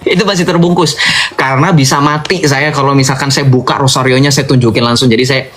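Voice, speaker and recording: A man's voice: medium pitch, fairly even intonation, fast, a bit bright. Emphatic young man telling his story. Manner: informal, emphatic, addresses listeners as brothers and sisters. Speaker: convert giving testimony. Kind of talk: animated personal testimony.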